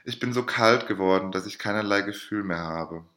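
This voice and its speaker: A man's voice: fairly low pitch, brisk, pushed and bright, reverberant. A man reading aloud and voicing a freezing, desperate young student who begs urgently to be let in. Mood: pleading. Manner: urgent imploring.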